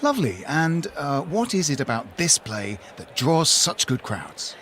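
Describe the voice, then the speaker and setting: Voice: mid-range voice, big pitch swings, a little slow, fairly bright tone, slight background noise. Someone playing a chirpy polite interviewer. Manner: polite, easily amused. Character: chirpy interviewer of two pensioners. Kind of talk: comedy sketch acting.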